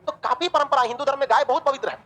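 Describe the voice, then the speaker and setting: A woman teaching a history class, lively and joking, asking the class questions and answering them herself. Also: high-pitched, very fast, low-quality recording. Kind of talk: online class lecture.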